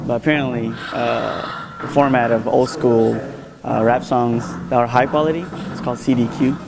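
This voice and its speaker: Man, casual interview, relaxed, offhand, mid-pitched voice. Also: moderate pace, gravelly, rough recording. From Malaysia. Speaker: interviewed beatboxer.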